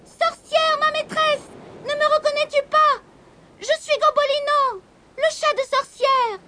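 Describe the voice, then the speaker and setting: A woman voicing a frightened little male kitten who pleads in a squeaky, tearful voice in a storybook reading. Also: fairly even intonation, unhurried, bright, forceful tone, full character voice. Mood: pleading, scared.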